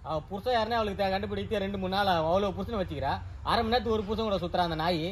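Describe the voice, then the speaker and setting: A man's voice: sits high, rapid-fire, a little hiss or hum. A man acting as a cheeky, argumentative son in a comedy sketch.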